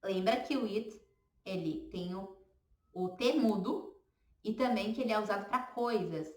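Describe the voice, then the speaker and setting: A woman's voice: medium pitch, a little slow, a little mellow. A woman with a Brazilian Portuguese accent teaching a beginner English lesson, patiently repeating words for learners to echo.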